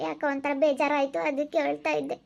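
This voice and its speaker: Woman doing a tired teary village lady, high and quick, keeps on complaining. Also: completely flat delivery, a little mellow, natural voice. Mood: weary, tearful. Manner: plaintive, repetitive complaining. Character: weary ailing village woman, tearful. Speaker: ailing woman Suguna. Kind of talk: amateur village skit acting.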